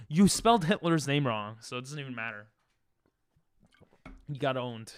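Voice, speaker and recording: On his gaming stream, a native Hebrew speaker banters casually, reads out viewer messages, and breaks into goofy freestyle raps. His medium-pitched voice is clear and resonant, with lively intonation at a normal speed.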